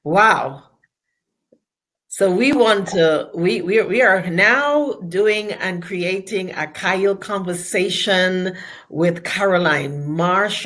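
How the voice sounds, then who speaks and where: Enthusiastic woman interview host. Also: on the low side. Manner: enthusiastic, encouraging, repeats words when starting. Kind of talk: online interview.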